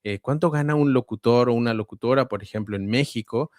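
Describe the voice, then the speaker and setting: A man's voice: mid-range voice, darkish tone, dry recording. Mexican man, dry close voice. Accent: central Mexican. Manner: measured, explanatory, frequent hesitations. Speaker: guest voice-over artist. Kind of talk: conversational interview answers.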